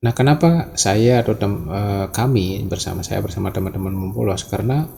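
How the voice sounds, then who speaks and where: A teacher in his forties from Bali speaking slowly with pauses, giving a reflective presentation. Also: on the low side, gravelly, dark tone. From Bali, Indonesia. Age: 40s. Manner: slow, measured, with pauses and fillers.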